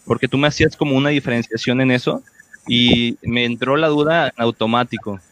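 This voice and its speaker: A man's voice: mid-range voice, steady tone, fairly quick, a bit bright, low-quality recording. A man with a Mexican accent hosting a casual talk show in a courteous, informal way. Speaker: host.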